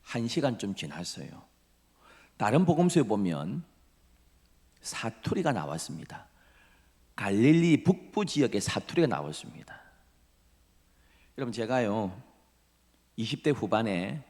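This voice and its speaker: A middle-aged man from Busan with a Busan accent, preaching a dramatic sermon that swings from loud emphasis to breathy whispers. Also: lowish voice, very animated, a little slow, long pauses. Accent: Gyeongsang (Busan) Korean. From Busan, South Korea. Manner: dramatic preaching, drops to breathy whispers, acts out quoted voices. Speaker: pastor. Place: church sanctuary. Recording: long reverb of a church hall.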